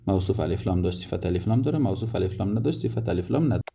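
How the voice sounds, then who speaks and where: A man's voice: deep voice, lively intonation, mellow. A man teaching Arabic grammar step by step, working through many examples and restarting often. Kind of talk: recorded grammar lesson summary. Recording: dull lo-fi audio with clear noise.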